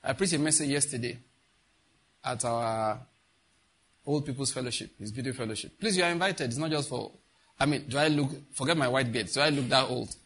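A man's voice: mid-range voice, fairly quick, a bit bright, breathy edge. A middle-aged man preaching a sermon as pastor, emphatic, repeating key phrases and putting questions to the congregation.

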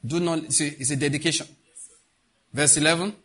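A man's voice: a little high, fairly even intonation, moderate pace, noisy background. A middle-aged man preaching a sermon as pastor, emphatic, repeating key phrases and putting questions to the congregation.

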